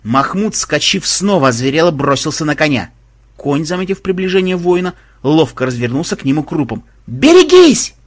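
A man reading a comic fantasy story aloud as narrator, expressive and lively. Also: fairly high pitch, a little fast. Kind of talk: audiobook narration.

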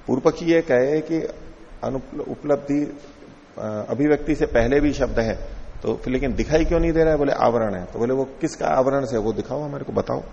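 Man, teacher, gravelly voice, verse recitation then rhetorical questions, dull lo-fi sound, long hall reverb. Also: mid-range voice, moderate pace, warm tone, slight background noise. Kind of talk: lecture explaining a classical philosophy text.

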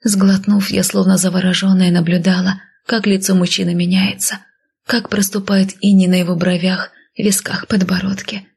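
A woman narrating a story in a soft, breathy whisper, as whispered role-play. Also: mid-range voice, little pitch movement, normal speed.

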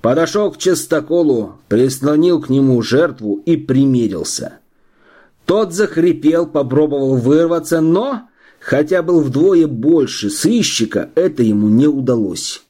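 A man narrating an audiobook in a steady, measured storytelling voice. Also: on the high side. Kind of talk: scripted narration.

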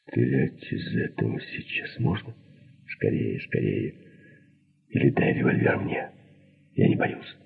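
A male narrator whispers a frightened young woman who hurries and pleads with her partner, breathy and insistent. The voice stays deep and husky, and the sound is thin, like a phone line. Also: moderate pace, heavily acted. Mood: urgent whisper.

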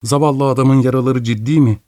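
A man's voice: mid-range voice, steady tone, brisk, dark tone, dry recording, studio quality, pitched above the performer's own voice, close to an everyday voice. A male reader voicing a gracious, composed young woman who gives polite instructions in an audiobook. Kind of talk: audiobook character voice.

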